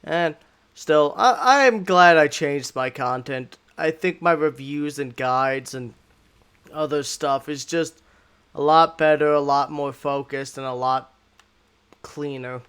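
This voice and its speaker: A man's voice: fairly high pitch, slow pace, a bit bright, clean tone. A man in a casual podcast chat, candid and self-critical about his past videos. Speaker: content creator, streamer.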